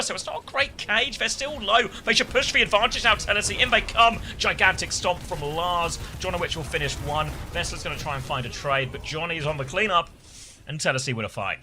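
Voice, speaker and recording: A man doing live esports play-by-play commentary, with fast excited calls that leap up in pitch on big plays. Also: a little hiss or hum.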